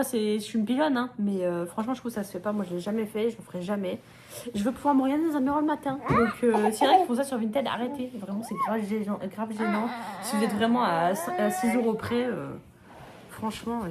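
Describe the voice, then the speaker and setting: Vlogueuse française expressive, voix un peu aiguë, bavarde maternelle en cuisine. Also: female voice, on the high side, noisy background. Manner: expressive, indignant ranting, sing-song talk to her baby. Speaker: vlogger, mother. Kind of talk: casual vlog chat. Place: home kitchen.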